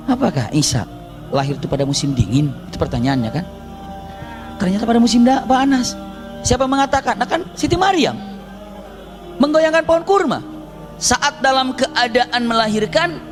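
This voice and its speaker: High-voiced preacher telling a lively story. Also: male voice, normal speed, pauses often, music in the background. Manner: lively storyteller with sound effects and acted dialogue. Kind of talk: humorous storytelling sermon.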